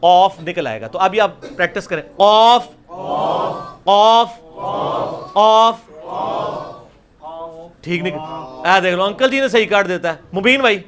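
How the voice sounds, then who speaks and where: High-voiced man teaching. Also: animated, noisy background. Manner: drills letters by repeating them loudly, mixing Punjabi into Urdu. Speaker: religious teacher. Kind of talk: live Quranic pronunciation class.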